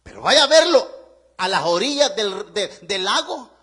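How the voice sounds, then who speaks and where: Bright-voiced pastor preaching. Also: male voice, sits high, normal speed, husky. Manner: animated preaching, rhetorical questions to the congregation. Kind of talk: sermon.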